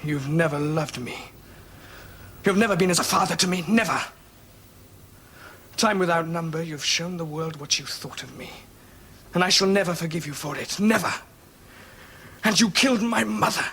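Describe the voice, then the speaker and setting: A bitter young Roman prince. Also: male voice, on the high side, normal speed, pauses often, a bit bright, slightly rough. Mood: resentful. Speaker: actor in a television period drama. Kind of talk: 1970s television drama acting.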